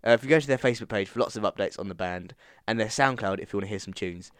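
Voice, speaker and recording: A man's voice: lowish voice, very fast, a bit bright, smooth, no room sound, studio quality. A man from England hosting a music podcast, chatting loosely and rambling, often laughing. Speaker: podcast host. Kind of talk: casual chat.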